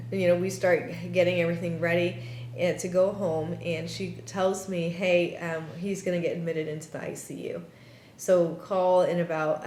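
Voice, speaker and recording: A woman telling a personal story in conversation, animatedly acting out the quoted dialogue. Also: a little mellow. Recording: roomy echo with faint rumble.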